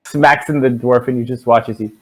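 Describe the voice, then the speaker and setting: A man's voice: medium pitch, steady tone, fairly quick, slightly rough, dry recording, low-quality recording. A man acting as game master, narrating a tabletop game casually and playfully, with swearing and sound effects.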